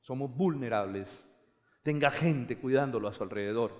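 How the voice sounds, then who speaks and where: A middle-aged man preaching a sermon as pastor, swinging from hushed low passages to loud, high, fervent bursts. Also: normal speed. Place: church. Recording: long hall reverb.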